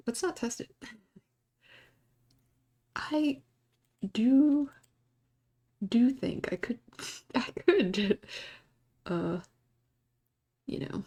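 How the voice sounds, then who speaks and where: Slow, giggly young woman streamer. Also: fairly high pitch, warm tone. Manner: laid-back, giggly, chatting with viewers. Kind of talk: casual live-stream chat.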